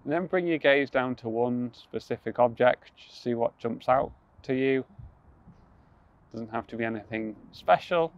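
A young man leading a guided mindfulness practice outdoors on a rooftop, speaking calmly, slowly and gently, with soft restarts. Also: mid-range voice, muffled recording. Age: young adult. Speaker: mindfulness instructor.

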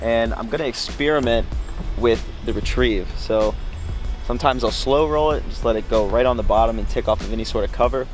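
A man's voice: mid-range voice, brisk. A young man hosting a fishing channel, reviewing a lure to camera from a small boat on a lake with enthusiastic, upbeat delivery. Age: young adult. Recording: clear background music. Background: music.

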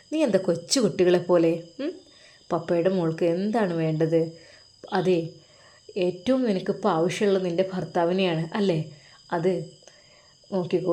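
A woman with a Malappuram Malayalam accent voicing a loving middle-aged father who gently comforts his daughter in a storybook reading. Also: lowish voice, close to an everyday voice. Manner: gentle, soothing, reassuring.

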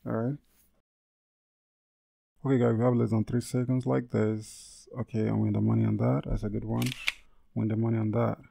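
A man's voice: fairly low pitch, flat delivery, moderate pace, vocal fry, long pauses, mellow, no room sound. A man hosting a casual trading tutorial over a screen recording, repeating himself and correcting his words with many fillers. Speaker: trading channel host.

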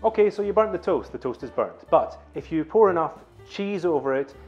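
A man hosting a comedic home cooking vlog in a kitchen, with wry, deadpan humor. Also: on the high side, brisk, dull audio, soft background music. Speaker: cooking show host.

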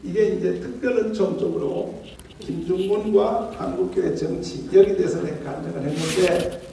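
A man in his sixties with a Gyeongsang accent, preaching a fiery political sermon at a breakfast gathering, swinging from low mutters to loud shouts. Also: moderate pace, creaky, a little hiss or hum. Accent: Gyeongsang Korean. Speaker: pastor. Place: large hall at a breakfast gathering. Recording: echoey hall, mic at a distance.

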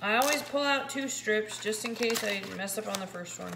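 With a mid-range voice at normal speed, a keto-vlogging woman in her forties chats casually and excitedly while handling a meter, sounding slightly scratchy. She's at home in her kitchen, where the camera points down at the counter and the space is echoey with clear background noise.

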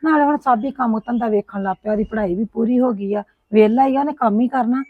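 A woman's voice: fairly high pitch, fast talker, dry recording. A woman playing a mother who coaxes her daughter about marriage in a homemade family drama. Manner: coaxing, motherly questioning. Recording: tinny, phone-like and dry.

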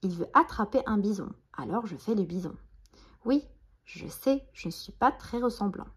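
A woman's voice: medium pitch, expressive, normal speed, husky. A woman voicing a doubtful, wry young earthworm friend in a bedtime story.

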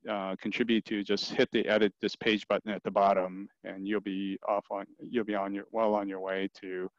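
Male presenter with a low voice, relaxed and filler-heavy, on dry lo-fi video call sound. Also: moderate pace, dry recording. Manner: casual, many fillers and restarts. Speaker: community program manager presenting. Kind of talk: screen-share meetup presentation.

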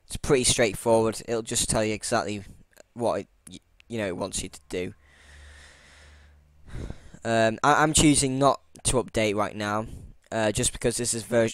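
A lowish-voiced tutorial channel host, recorded with no echo, rambles through a screen-recorded computer tutorial full of fillers and restarts. Self-deprecating, he apologizes for having a boring voice.

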